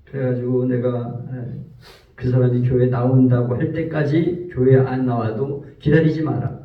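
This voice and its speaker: A man's voice: medium pitch, little pitch movement, a little slow. A man preaching a sermon as pastor, telling a story and acting out the people in it. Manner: storytelling, acts out quoted speech. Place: church sanctuary. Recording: roomy, distant, dull church recording.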